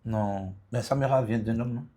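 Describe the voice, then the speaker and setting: A man hosts a podcast interview in a casual tone. His voice is husky and sits at an ordinary pitch. He keeps things moving with short prompts and brief reactions. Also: moderate pace, mellow. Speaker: podcast host.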